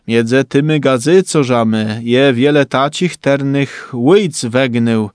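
Brief: an unhurried Kashubian male storyteller, dry close recording. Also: mid-range voice, smooth, no room sound. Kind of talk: reading a folk tale aloud.

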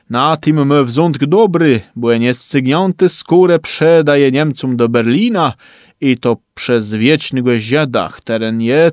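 Man, Kashubian accent, slow storytelling, dry close sound. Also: medium pitch, no room sound. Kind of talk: reading a folk tale aloud.

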